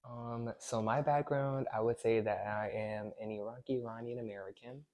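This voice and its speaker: A man's voice: medium pitch, steady tone, normal speed, a little mellow. A young man interviewed for a documentary, speaking casually and correcting himself. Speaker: student interviewee.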